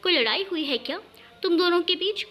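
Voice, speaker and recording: A woman's voice: very high-pitched, expressive, a little fast, sharp tone, heavily acted. A woman voicing a scheming middle-aged aunt in a storybook reading, sugary and fussing.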